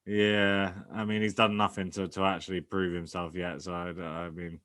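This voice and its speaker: A man chatting casually as a podcast host. His voice sits on the low side but has a bright, forceful edge. He talks in halting bursts, full of fillers and restarts. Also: flat delivery. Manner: hesitant, many fillers and restarts.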